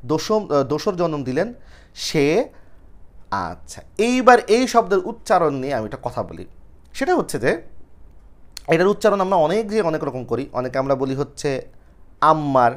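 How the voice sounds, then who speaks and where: A young male teacher walks students through an old poem, asking questions and answering them himself. His voice sits a bit high and swings widely in pitch. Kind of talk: explaining a poem line by line to students.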